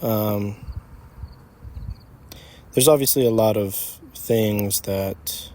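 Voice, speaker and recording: Very slowly and in a fairly low voice, a man in his early twenties, a young entrepreneur, muses casually in an unscripted conversation, searching for his words. He's in an empty parking lot outside, where crickets and night insects hum steadily.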